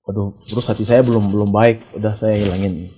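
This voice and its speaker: A man's voice: fairly low pitch, a little fast, a little hiss or hum. Man from Papua telling his story. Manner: animated storyteller acting out quoted dialogue. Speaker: guest singer. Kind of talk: casual storytelling interview.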